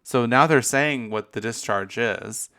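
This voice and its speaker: He speaks unhurriedly in a mid-range voice with a sharp tone. As host of a casual solo podcast, he's candid, profane and campy, breaking off into laughing asides.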